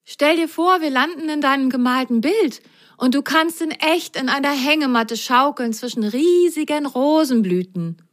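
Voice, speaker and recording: A woman's voice: high-pitched, expressive, normal speed, voice pushed up. A woman doing a bold little boy sock. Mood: eager.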